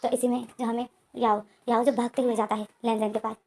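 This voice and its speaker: A woman's voice: on the high side, little pitch movement, quick pace, a little mellow. A woman narrating a story recap in a run-on retelling style, repeating names often.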